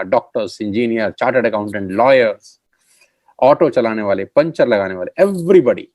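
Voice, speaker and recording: A middle-aged man gives a motivational pitch for network marketing and leans hard on his key phrases, repeating them for effect. His voice sits at an ordinary male pitch. The sound is dry and close, with no room echo. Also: darkish tone.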